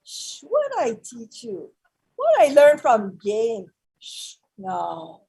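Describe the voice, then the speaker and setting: An actress playing a feisty, loving old grandmother in a stage play, speaking broken English and swinging between shouts and hushed murmurs. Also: on the high side, huge pitch swings, slow pace, creaky, slightly rough, full character voice, poor audio. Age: older. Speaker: actor. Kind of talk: live-streamed stage play.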